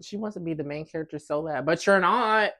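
A woman co-hosting a podcast, chatting casually, blunt and sassy and quick to laugh. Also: on the low side, a bit bright, no room sound, studio quality. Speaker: podcast co-host. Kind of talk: casual chat. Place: indoor room with a dog.

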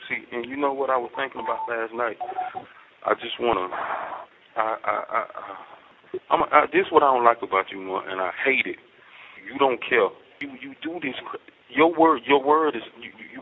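On a tinny prison payphone line with music playing behind, an inmate rambles in a medium-pitched voice with vocal fry over a noisy background. He preaches and quotes scripture, and the call turns heated and accusatory.

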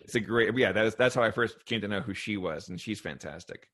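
A man's voice: lowish voice, brisk, fairly bright tone. A man in his thirties co-hosting a casual podcast about a cartoon, talking loosely with lots of "like" and fillers. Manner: loose, filler-heavy talk with frequent "like". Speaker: podcast co-host.

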